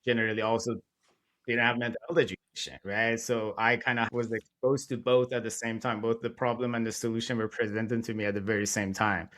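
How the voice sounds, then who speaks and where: A man, talking casually and animatedly as a podcast guest. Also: on the low side. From Iran. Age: 40s. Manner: animated, chatty, laughs between thoughts. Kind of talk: casual interview talk.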